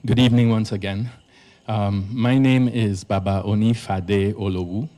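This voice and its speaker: A man's voice: fairly low pitch, fairly even intonation, moderate pace, warm tone. A man from Trinidad, a priest giving an earnest public lecture at a live event in an arts centre, stressing his key words.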